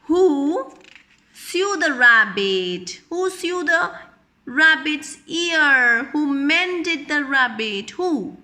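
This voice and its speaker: In a high voice and at a very slow pace, a woman reads a picture book aloud to young children. She's expressive and teacherly, repeating phrases and asking them simple questions.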